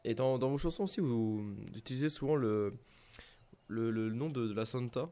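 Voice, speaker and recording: A man playing a polite music journalist in a role-play interview, asking formal, halting questions. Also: mid-range voice, mellow, lightly acted.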